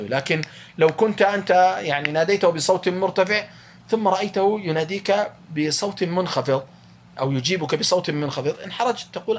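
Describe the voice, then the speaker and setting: Fast-talking male religious teacher. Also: on the high side. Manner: quick, explanatory, rephrasing with many fillers and restarts. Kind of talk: lecture reading and explaining a classical text.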